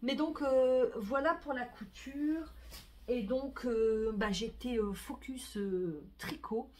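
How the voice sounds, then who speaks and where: A woman's voice: fairly high pitch, takes it slowly, darkish tone. A middle-aged woman, chatting casually about her sewing and knitting projects, full of fillers and restarts. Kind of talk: casual chat to camera.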